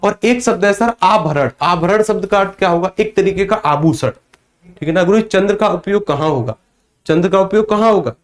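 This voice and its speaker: High-voiced man teaching a Hindi class. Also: moderate pace. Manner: repeats questions and answers them himself; addresses students as sir, reads out chat comments. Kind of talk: live online class.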